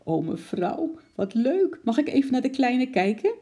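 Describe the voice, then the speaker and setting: A reader voicing a doting, short-sighted older woman who keeps a sweetshop, cooing in high baby talk. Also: big pitch swings, normal speed, dark tone, husky. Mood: gushing.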